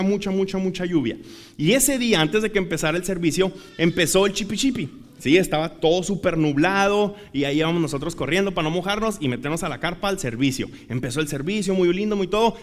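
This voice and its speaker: A young man preaching a sermon in Mexican Spanish, telling a story that swells from soft, easy talk to shouting. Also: high-pitched. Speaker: pastor.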